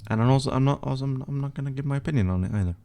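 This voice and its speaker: Editing images on a casual livestream, this young man from Sweden reads out questions from chat and mumbles offhand replies, cursing quietly while he works. He speaks very fast at a medium pitch, with a warm tone.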